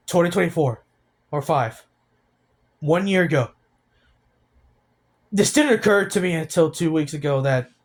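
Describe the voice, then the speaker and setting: A young man of eighteen speaks with a fairly high voice in a personal vlog. He talks in a halting, heavy way and restarts his sentences often. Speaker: vlogger.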